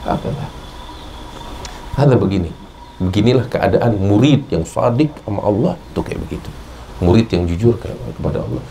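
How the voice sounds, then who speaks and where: An Indonesian-accented man preaches at a religious study class, with a mellow, relaxed tone and a lowish voice. He tells stories and climbs to emphatic high points. A faint hiss of background noise sits under the recording. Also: moderate pace, long pauses, low-quality recording. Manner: storytelling, rising to emphatic peaks. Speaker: religious teacher. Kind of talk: Islamic study sermon.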